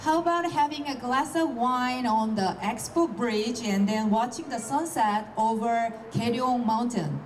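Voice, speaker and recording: A woman interpreting speeches into English at a ceremony, slow and hesitant with fillers. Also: on the high side, a little hiss or hum. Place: outdoor opening ceremony. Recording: distant public address with music.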